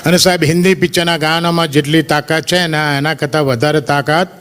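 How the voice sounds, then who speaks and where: A man with a Gujarati accent doing stand-up comedy on stage, telling stories in a lively way and breaking into drawn-out snatches of film songs. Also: fairly high pitch.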